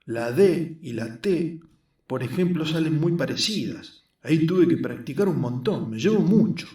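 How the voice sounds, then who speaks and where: A man voices an earnest, skinny young man who patiently explains his craft, speaking animatedly and a little slowly in a dark yet squeaky voice. The mic is at a distance, giving the recording a roomy echo.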